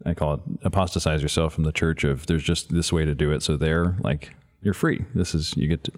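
A man, hosting a podcast. His voice sits very low, and he talks in a relaxed, conversational way, putting questions to his guest. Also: fairly quick. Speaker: podcast host. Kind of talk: casual interview chat.

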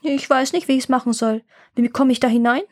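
A woman voicing a frightened but clever little girl in a storybook reading, high and pleading. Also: fairly even intonation, brisk, dry recording, clean studio sound, lightly acted. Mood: feigned helpless. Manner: pleading, tearful.

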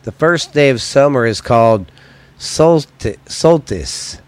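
An animated American man, medium in pitch, takes his time as he hosts a solo podcast of casual, crude comedy talk. He's blunt and loose, and his voice sounds a little weak and stuffy.

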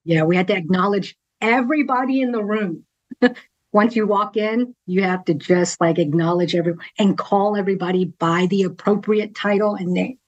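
The recording is muffled, and the woman's voice sits in the mid range at a normal speed. She is a middle-aged TV news anchor from Texas, USA, speaking openly as a podcast guest in casual interview conversation, often laughing and tacking on "right?"

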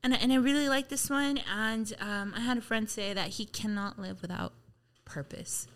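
A woman's voice: a little high, steady tone, fairly quick. A woman hosting a podcast, chatting casually in a playful, teasing way. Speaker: podcast host. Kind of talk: casual chat.

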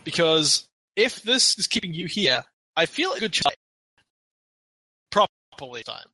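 A man with a fairly high, bright, sharp voice talks through a tabletop game on an online call. His connection glitches, so his speech speeds up and then slows down. The sound is close and dry, with no room echo. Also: very animated. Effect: online call audio glitching, speeding up and slowing down. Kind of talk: casual play over a voice call.

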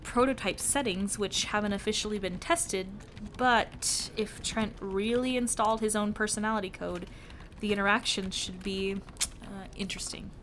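A woman playing a weary female tech-support agent who talks haltingly, with many fillers. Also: mid-range voice, steady tone, fairly bright tone, slight background noise, natural voice. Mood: hesitant.

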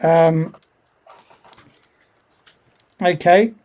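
A man running a tabletop roleplaying game as game master, speaking in a hesitant, halting way. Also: a little high, fairly even intonation, darkish tone.

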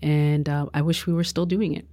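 Woman, low voice, dry close sound, modest, good-humored, community organizer. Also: steady tone, moderate pace, mellow, no room sound. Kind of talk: interview answers.

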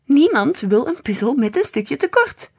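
A woman's voice: a little high, sing-song, measured pace, darkish tone, breathy edge, full character voice. Woman doing a flustered, indignant husband. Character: fussy, indignant male customer, husband.

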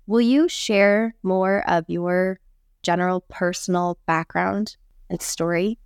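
A woman hosting an interview, introducing her guest in an admiring, measured way. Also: on the low side, fairly even intonation, clear, resonant tone, no echo, clean studio sound. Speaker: interview host.

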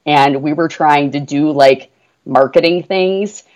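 A woman's voice: low voice, slow, a little mellow, rough recording. A woman speaking as a podcast guest about her work, earnest and enthusiastic, with frequent fillers. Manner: earnest, enthusiastic, many "you know" fillers. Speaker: guest, portfolio manager. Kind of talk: business podcast conversation.

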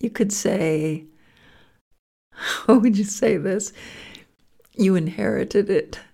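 A woman meditation teacher talks in an unhurried way, with a deep gravelly texture to her voice. Her tone is husky, and she often sinks into a soft, breathy whisper as she guides the listener.

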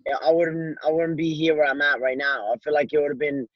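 A young man from Morocco, a fighter, talking loosely and haltingly in a casual interview, with lots of "like"s. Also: a little high, level tone, dry recording, lo-fi sound. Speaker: guest fighter.

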